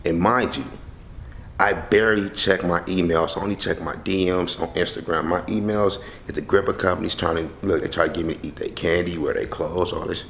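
A young man telling a story casually to a handheld camera in and around his house, slangy and animated, acting out the people he quotes. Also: deep voice, brisk, vocal fry, a little hiss or hum. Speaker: vlogger. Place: house interior and front porch. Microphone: handheld camera close to face.

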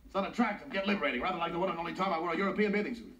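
A man's voice: high-pitched, very fast, far from the mic, lo-fi sound, close to an everyday voice. An actor playing a pompous, fussy male psychiatrist who talks in wordy, refined phrases with stammering restarts, in a sitcom scene. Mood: ranting. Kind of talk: sitcom acting. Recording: roomy echo, off-mic, faint hiss.

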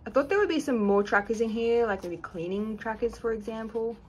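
A woman's voice: fairly high pitch, brisk, a little hiss or hum. A woman giving a casual review with frank, chatty opinions that she often hedges. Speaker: planner reviewer.

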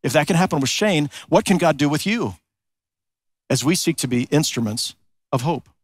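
A man preaches from a church, earnest and deliberate, slowing his words to land each point and posing questions to the congregation. His voice sits a little high for a man. The sound is close and dry. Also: animated, breathy edge, no room sound. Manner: earnest preaching, slows for emphasis, rhetorical questions. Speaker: pastor. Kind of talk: sermon. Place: large church sanctuary.

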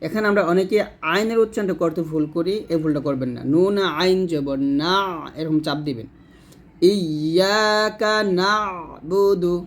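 A man teaching Quran recitation letter by letter, chanting verses slowly and then explaining pronunciation plainly. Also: a little high. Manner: slow drawn-out chanting alternating with plain instruction. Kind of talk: spelling-out recitation lesson.

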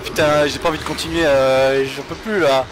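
A man commenting on a horror game he is playing, panicky and swearing, often yelling in fright. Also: fairly high pitch, fairly even intonation, moderate pace. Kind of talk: let's play commentary. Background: game music.

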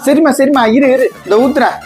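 A woman's voice: high-pitched, a little fast, darkish tone, faint music behind, natural voice. Woman doing a fussy, teasing dad. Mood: flustered. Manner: teasing, then flustered and panicky. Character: fussy teasing father of a young girl. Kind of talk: comedy skit acting.

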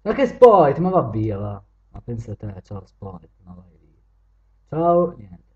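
A man chatting with viewers and strangers on random video chat, joking and teasing, switching from loud greetings to low mutters. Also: very animated, unhurried, muffled recording.

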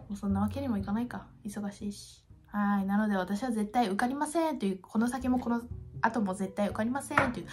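A woman in her twenties chats casually to camera in an expressive, gushing and self-deprecating way, as a YouTuber in a room at home. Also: on the high side. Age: 20s. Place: small home room, indoors.

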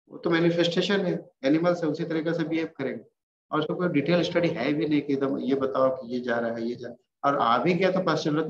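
A man with a Bihari Hindi accent giving an informal veterinary pathology lecture, reassuring and repeating key terms. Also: fairly high pitch. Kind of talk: classroom lecture. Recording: roomy, dull, faintly noisy lecture recording.

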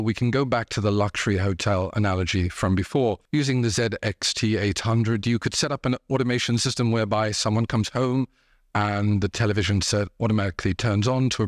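A man in his thirties hosting a scripted tech explainer from a room at home, with a measured, dry-humored delivery. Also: on the low side, dry recording. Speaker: tech reviewer host.

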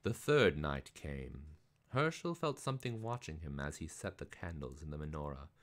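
A man reading a picture book aloud live, in an expressive, theatrical way. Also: a bass voice, moderate pace. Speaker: reader.

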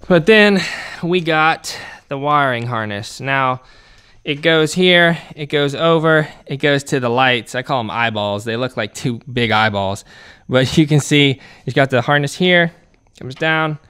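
A man's voice: mid-range voice, pushed and bright, clear, resonant tone. A man hosting a hands-on repair tutorial in a workshop, talking casually while he works. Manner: casual, talks while working with his hands. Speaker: channel host.

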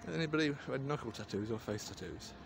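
Background noise fills this garden clip as a man in his forties vlogs on a handheld phone, rambling in an understated, wry, chatty way. His mid-range voice is animated and quick, with some vocal fry.

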